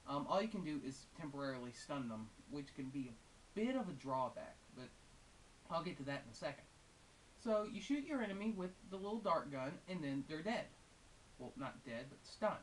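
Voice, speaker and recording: A female-sounding game reviewer offers casual, unscripted, opinionated commentary, chatting conversationally with wry asides. Her mid-range voice is expressive and moves at normal speed. The microphone sounds distant and hissy.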